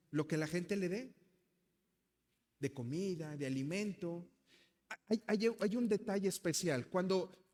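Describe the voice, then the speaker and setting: Man, Mexican accent, pastor, emphatic sermon, high voice, long hall reverb. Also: a little mellow. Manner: emphatic preaching, addresses the congregation as brothers.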